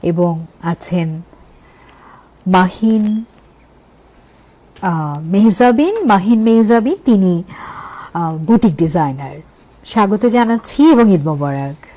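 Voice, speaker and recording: A woman with a Bangladeshi accent presenting a festive television talk show as host, in measured phrases and lists of questions. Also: on the low side, expressive, dark tone, rough recording.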